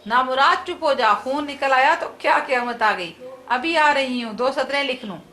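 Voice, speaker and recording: A woman's voice: sits high, moderate pace, sharp tone. A woman reading the part of a fussy, flustered housewife in a comic play, with scolding, excuse-making lines.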